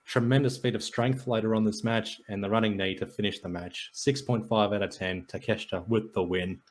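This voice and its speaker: A man's voice: lowish voice, steady tone, brisk. Man reading sports stats. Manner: reads stats, dry jokey rundown. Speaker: podcast co-host. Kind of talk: casual sports and wrestling chat.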